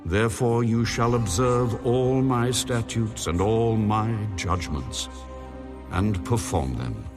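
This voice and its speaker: A man's voice: on the low side, slow pace, over music. An actor voicing God as a solemn, commanding male deity proclaiming laws in a dramatized scripture reading.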